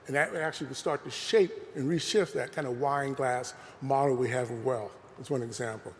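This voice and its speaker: Here the man's voice is mid-range and brisk, with a touch of hiss or hum. He's presenting an earnest, conversational lecture peppered with "you know," and the large museum hall gives it a long reverb.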